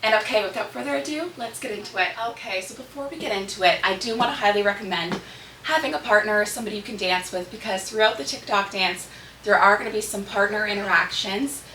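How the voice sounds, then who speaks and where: A woman with a slightly hoarse, medium-pitched voice hosts a dance tutorial, rattling off counts and step instructions in clipped rhythmic cues. She speaks at a quick pace, pushed and bright, and sounds distant in an echoey room with noticeable background noise.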